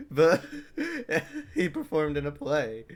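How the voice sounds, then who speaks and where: A man's voice: on the high side, wildly swooping pitch, very slow. A male streamer giving casual, joking commentary over a game, laughing often and swearing.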